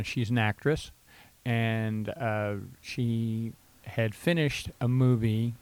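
A man hosting a casual radio-style podcast, rambling with frequent fillers and throat clearing. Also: mid-range voice. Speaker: podcast host.

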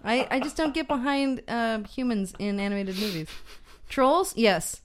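A woman's voice: on the high side, moderate pace, a little hiss or hum. A woman co-hosting a film podcast, chatting casually and hesitantly with many fillers and restarts. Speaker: podcast co-host. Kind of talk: casual film review chat.

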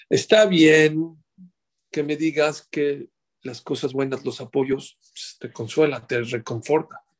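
A middle-aged man delivers a rabbi's sermon. His voice has a husky edge, and he keeps asking his listeners rhetorical questions in an animated way. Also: medium pitch.

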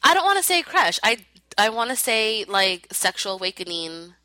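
Teasing, bright-voiced woman co-host. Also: a little high, sing-song, moderate pace, dry recording. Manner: teasing, blunt, swears freely. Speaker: podcast co-host. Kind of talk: casual chat.

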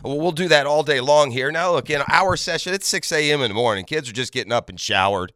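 A man works as a morning show host on sports radio, with a bright, clear voice. He talks in an earnest, conversational monologue aimed right at the listeners, leaning on his points. The sound is dry and close, as on a studio microphone. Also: fairly high pitch, expressive, quick pace, dry recording. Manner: earnest, emphatic, addresses listeners directly.

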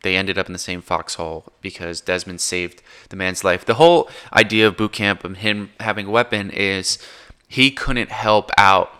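Deep-voiced rambling young man. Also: pushed and bright, clean tone. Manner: rambling, self-correcting, frank. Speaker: film recapper. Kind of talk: casual movie retelling.

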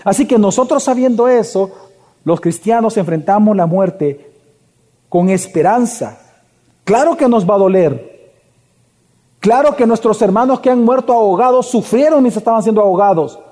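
High-voiced pastor preaching in an echoing hall. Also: male voice, expressive, normal speed, mellow. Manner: preaching with rhetorical questions to the congregation. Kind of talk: sermon.

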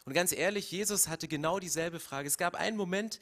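Male pastor with a high voice, passionate sermon delivery, stumbling and repeating words as he builds. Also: a little fast, fairly bright tone. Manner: impassioned, acts out quoted prayers with rising emotion; repeats words when searching, direct address to listeners.

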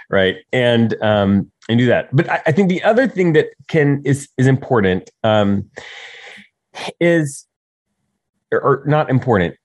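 Man in ministry, talking through teaching advice; lively pitch, dry close sound, keeps asking "right?". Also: no echo. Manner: animated, often asks "right?" to check in. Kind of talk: conversational teaching talk.

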